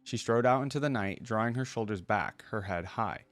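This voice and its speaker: A man hosts a reaction video, reading lore aloud and thinking out loud with casual, rambling commentary. His voice is fairly low, his speed normal, and there's no room sound.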